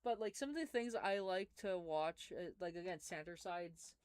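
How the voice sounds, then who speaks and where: A woman's voice: fairly low pitch, normal speed, darkish tone, smooth, dry recording. Young woman, casual stream chat, rambling with fillers, resonant voice, dry recording. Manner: rambling, chatty, with many fillers and restarts.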